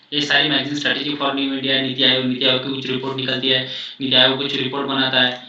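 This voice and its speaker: A man's voice: medium pitch, completely flat delivery, moderate pace, pushed and bright. A male coaching teacher giving study advice in a repetitive, reassuring way, often mixing in English phrases. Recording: echoey room, distant mic, dull sound.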